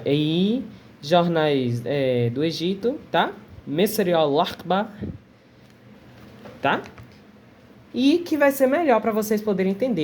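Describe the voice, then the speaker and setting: Slow, patient woman teaching Arabic. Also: on the low side, a little mellow, a little hiss or hum. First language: Portuguese. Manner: patient, repeats words slowly, checks in with "tá?". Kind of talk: relaxed online language lesson.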